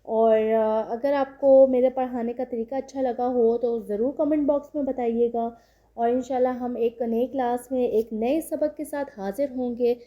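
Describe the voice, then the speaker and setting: A woman with a Pakistani Urdu accent giving an online Quran reading lesson, patiently drilling each syllable slowly and repeating it. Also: a little high, steady tone, muffled recording. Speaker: Quran recitation teacher.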